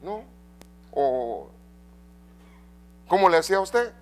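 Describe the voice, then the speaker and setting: A middle-aged man preaching a sermon in a church, swinging between loud and soft and asking the congregation questions. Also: high voice, big pitch swings, takes it slowly. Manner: addresses congregation with rhetorical questions. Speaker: pastor.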